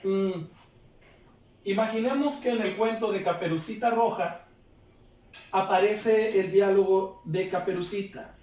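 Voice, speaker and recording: A man's voice: high-pitched, a little slow, pauses often, darkish tone. Guy teaching a class, asks the kids questions, real echoey room. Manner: patient, explains step by step with questions to pupils. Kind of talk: remote class lesson. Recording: very echoey room, far from the mic.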